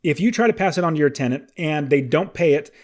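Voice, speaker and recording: A man's voice: fairly high pitch, lively intonation, fast talker, darkish tone. A man in his late thirties hosting a solo podcast, talking in an enthusiastic, conversational way with emphatic asides. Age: 30s. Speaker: podcast host.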